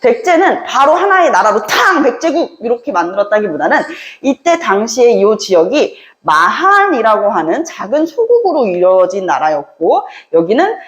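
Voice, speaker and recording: A woman teaching a history lesson, telling the story with lively acted-out dialogue between characters. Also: fairly high pitch, moderate pace, hardly any pauses. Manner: lively storytelling, acting out characters in quoted voices. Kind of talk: animated classroom lecture with acted-out dialogue. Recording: echoey room.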